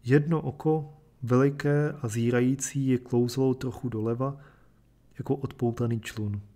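A man reading a short story aloud and then explaining it in a measured, thoughtful way. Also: mid-range voice, steady tone, mellow. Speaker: reader and commentator. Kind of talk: literary reading and lecture.

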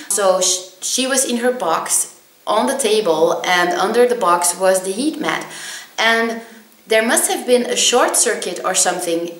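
A woman's voice: mid-range voice, a bit bright. Chatty young woman in an echoey room. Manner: chatty, many ums, laughs at herself. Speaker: vlogger. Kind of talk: casual storytelling to camera. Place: small indoor room with plain wall.

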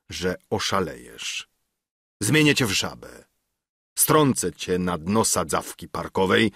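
A stern old goldsmith sorcerer, voiced by a man in a storybook reading, speaking with calm, measured menace. His low, slightly husky voice moves slowly, recorded close and dry. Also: no echo, exaggerated voice. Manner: calm, measured, quietly threatening.

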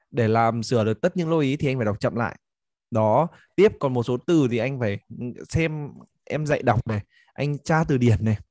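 A man's voice: medium pitch, a little mellow, no echo. Encouraging male English tutor, dry sound. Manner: encouraging, explains corrections step by step. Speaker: English teacher. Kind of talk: one-on-one coaching session.

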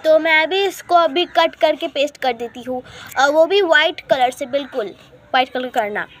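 A woman's voice: high-pitched, moderate pace, a bit bright. A woman hosting a casual step-by-step craft tutorial at home, chatty and calling viewers guys, repeating her instructions as she works. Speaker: craft video host.

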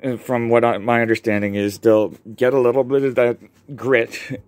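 Here the worm composting vlogger speaks at normal speed in a flat, mid-range voice with a darkish, clean tone, recorded dry. Filming his hands with a handheld camera mic indoors in a basement, he casually demonstrates his home worm bins. His talk rambles, packed with ums and self-corrections.

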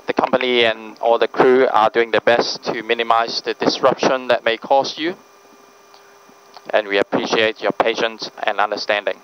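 A man's voice: medium pitch, fairly even intonation, normal speed, fairly bright tone, smooth. A man making a formal, somewhat hesitant flight deck announcement to passengers as first officer. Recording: muffled cockpit PA with cabin hum.

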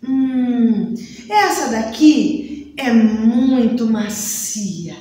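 A woman's voice: on the high side, lively intonation, drawn-out words, mellow. A woman voicing a curious, greedy little girl who draws out her words with savoring sighs. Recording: echoey room, mic at a distance.

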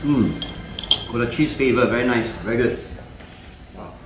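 A man's voice: medium pitch, normal speed. Man in his forties, food vlogger, simple broken English, eating as he talks, echoey restaurant room, music playing behind. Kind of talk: casual food vlog. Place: small private room in a restaurant, indoors.

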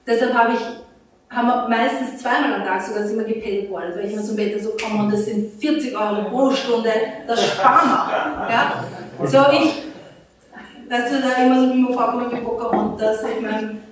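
A woman's voice: a little high, steady tone, normal speed, slight background noise. A woman pastor, preaching a sermon as a chatty personal story and acting out her own inner dialogue. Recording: roomy hall, voice from a distance.

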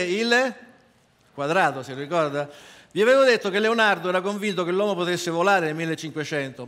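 Magician guy onstage, high bright voice, showy, crowd faint in back. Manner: theatrical showman. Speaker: stage magician. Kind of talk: stage performance patter. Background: audience crowd.

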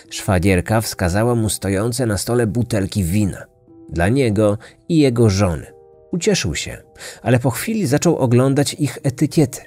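A man reading a scripted true-crime story in a measured, dramatic way. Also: on the low side, darkish tone. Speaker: podcast narrator.

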